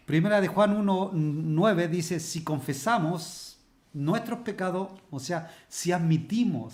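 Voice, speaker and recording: A man preaching a Bible study sermon as pastor. He asks rhetorical questions, and he slows down and stresses the words when he reads scripture. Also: sits high, a little mellow.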